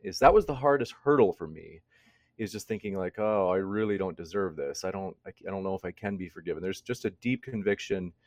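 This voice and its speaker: In his mid-thirties, this man speaks as an interview guest and also hosts a debate channel. His low, darkish voice has lively intonation and a brisk pace, recorded studio-clean with no echo, as he gives conversational personal testimony, reflecting and thinking aloud.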